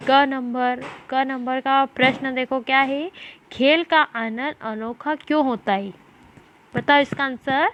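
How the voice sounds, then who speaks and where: A woman teaching a primary school class, reading words slowly syllable by syllable and asking the children questions. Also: high-pitched, a bit bright, a little hiss or hum. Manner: slow, syllable-by-syllable reading drills with repeated questions. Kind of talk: online class lesson.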